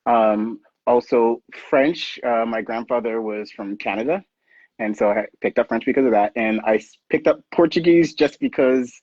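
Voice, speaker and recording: Laid-back Bahamian-born man, husky, lo-fi dry call sound. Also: mid-range voice, moderate pace, a little mellow, dry recording. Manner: easygoing, laughs often. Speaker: guest contestant. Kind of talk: casual chat.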